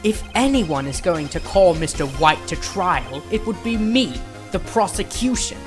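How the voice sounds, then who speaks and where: A man's voice: high-pitched, big pitch swings, a little slow. A cool, formal male prosecutor, put on by a man, pompous and precise. He takes his time over each phrase in a courtroom game dub, with faint music behind. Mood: cool, calculating. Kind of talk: video game fandub courtroom drama.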